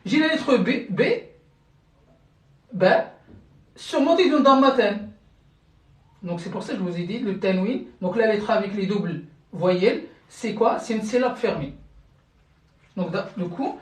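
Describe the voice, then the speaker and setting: With lively intonation, an unhurried pace, and long pauses, a mid-range voice leads a live-streamed language lesson. The teacher patiently works through each step, checks in with viewers, and often restarts and repeats words. The mic is distant, so the sound is roomy.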